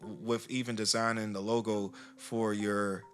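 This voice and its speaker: Low-voiced joking male host. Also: flat delivery, measured pace, fairly bright tone, soft background music. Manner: playful, joking, easygoing. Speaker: show host. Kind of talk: casual chat. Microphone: close studio mic.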